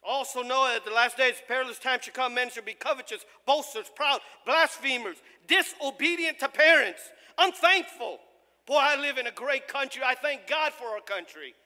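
A male pastor who grew up in the United States, preaching a sermon with impassioned, shouted emphasis and frequent stumbles. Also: very high voice, normal speed. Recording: long reverb of a large hall.

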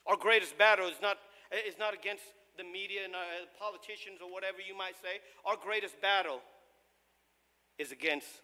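A male pastor who grew up in the United States, preaching a sermon with impassioned, shouted emphasis and frequent stumbles. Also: sits high. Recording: long reverb of a large hall.

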